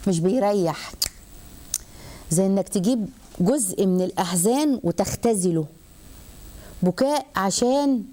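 A woman with an Egyptian accent giving a religious lesson to women, lively and animated, asking herself questions as she goes. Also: medium pitch. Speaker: religious teacher.

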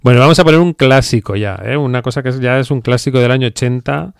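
A man's voice: mid-range voice, fast, creaky, smooth, no echo, clean studio sound. A man from hosting a radio show in loose, casual chat and laughing easily.

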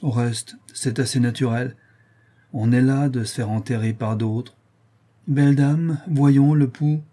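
A man reading an audiobook, voicing a fawning, glib male doctor with a flattering, bustling manner. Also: medium pitch, measured pace, close to an everyday voice. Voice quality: raised, loud, honeyed delivery.

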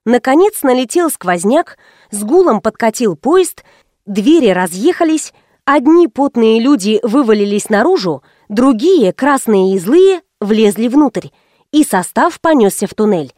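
Expressive woman narrating an audiobook. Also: on the high side, unhurried, dry recording, studio quality. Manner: wry, expressive first-person telling.

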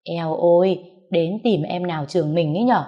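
A woman voicing a gaggle of gossipy teenage schoolgirls, gushing and excitable. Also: fairly low pitch, moderate pace, muffled recording, close to an everyday voice.

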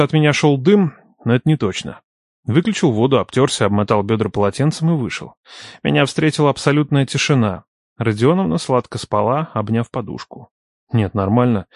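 A man's voice: medium pitch, a little mellow, no room sound, clean studio sound. A young man narrating an audiobook in the first person, in a playful, teasing and ironic way.

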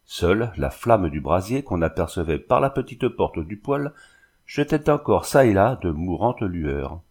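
A man reading a novel aloud as steady scripted narration, lifting his voice a little for the characters' lines. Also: deep voice, unhurried, breathy edge. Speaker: audiobook reader.

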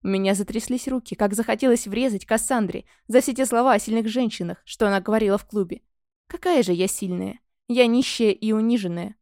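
A woman narrating a fantasy audiobook in the first person, expressive and scripted, on a close microphone. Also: medium pitch, brisk, no room sound.

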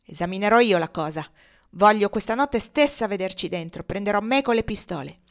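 A woman reading the part of a brutal, superstitious slave-owner man who blusters and curses loudly. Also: medium pitch, lively intonation, fairly quick, close to an everyday voice. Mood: frightened anger. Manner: blustering, loud and cursing.

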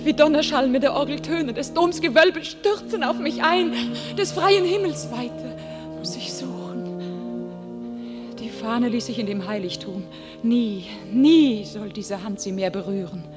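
An actress playing a devout, guilt-ridden warrior maiden in a classical verse radio drama, solemn and declamatory. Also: female voice, fairly high pitch, lively intonation, a little slow, over music. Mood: haunted. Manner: declamatory, solemn, swelling from hushed to crying out.

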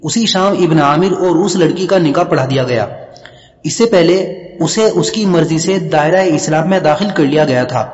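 Reverberant lo-fi male story narrator. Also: a little high. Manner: measured, even storytelling. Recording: dull lo-fi with long reverb.

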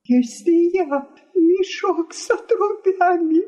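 Tearful, indignant wife, high and swooping, played by a woman reader. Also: expressive, measured pace, darkish tone, dull audio.

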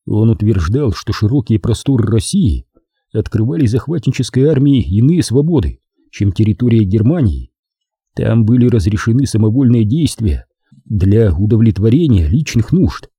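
A man reads a wartime memoir aloud in a measured storytelling manner. His voice is very dark and husky, with a lively, rising and falling pitch. The sound is dry and close. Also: no echo. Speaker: narrator. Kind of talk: audiobook memoir reading.

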